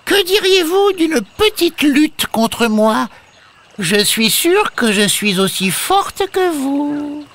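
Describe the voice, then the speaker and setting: A woman voicing a small, clever, self-assured female tortoise in a storybook, calm and polite. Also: high-pitched, slow pace, full character voice. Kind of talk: storybook voice acting.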